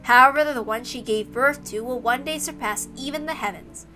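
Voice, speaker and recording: Reading a visual novel aloud for a stream, a woman speaks at a normal pace in a high, bright and forceful voice. She keeps things informal with casual remarks between passages, and there's music in the background.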